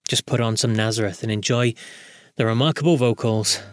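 A man's voice: mid-range voice, steady tone, fairly quick, loud music behind the voice. A man hosting a podcast, speaking in a spoken commentary style. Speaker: podcast host. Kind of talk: solo podcast commentary and interview.

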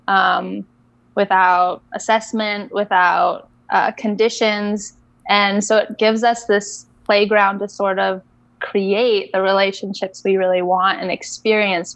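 In a relaxed interview, a guest coach from Indonesia, a young woman, looks back on her story at an easy pace, laughing softly now and then. Her voice is mid-range with no echo, though the audio quality is poor.

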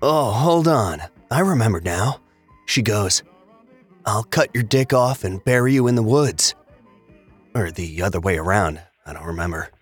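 An actor playing a laid-back stoner roommate who talks in an unbothered, drawling slacker way. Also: male voice, lowish voice, lively intonation, a little slow, breathy edge, faint music behind. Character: laid-back stoner male roommate, easygoing and munchie-minded. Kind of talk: audio drama acting.

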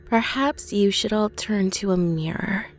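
A woman voicing a possessed teenage girl whose voice sounds warped, with a raspy rumble under the girl's tone, speaking slowly and coldly. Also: faint music behind, lightly acted. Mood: menacing. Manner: slow, cold, accusing.

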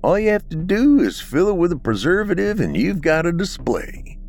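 A man's voice: high-pitched, sing-song, normal speed, darkish tone, soft background music, pitched above the performer's own voice. A man voicing a matter-of-fact male medical examiner in an audiobook, speaking dry and clinical.

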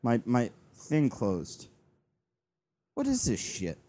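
A man's voice: mid-range voice, huge pitch swings, slow pace, mellow. A man chatting informally and interjecting as he reads along at a comedy table read. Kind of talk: casual chat and cold script reading.

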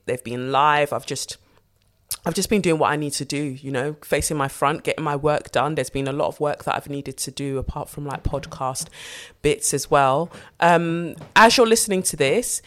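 A woman with a London accent hosting a podcast in casual solo chat, candid, playful, slangy and sweary. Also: low-pitched. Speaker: podcast host.

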